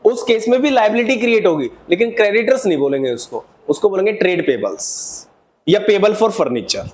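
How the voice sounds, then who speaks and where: High-voiced man teaching an accountancy class. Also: expressive, a little fast, a little hiss or hum. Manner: asks students questions and answers them himself, calls them 'beta'; mixes Hindi with English accounting terms. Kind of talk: classroom lecture.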